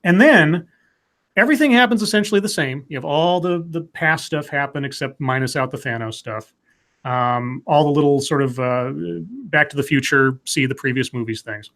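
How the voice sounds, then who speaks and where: A little high in pitch and at a moderate pace, this male co-host chats loosely on a live comics stream. His talk is rambling and animated, with many restarts and fillers.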